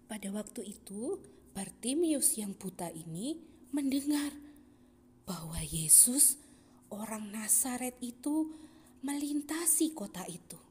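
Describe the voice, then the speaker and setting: A woman's voice: on the high side, takes it slowly, pauses often, a little hiss or hum. Woman telling a children's Bible story. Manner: lively, expressive narration.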